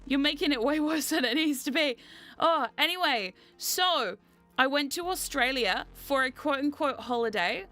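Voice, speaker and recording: A jet-lagged woman from New Zealand with a slightly sore throat, chatting casually to livestream viewers in an excitable, giggly, rambling, playfully dramatic and sweary way. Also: high-pitched, moderate pace, soft background music. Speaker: VTuber streamer and host.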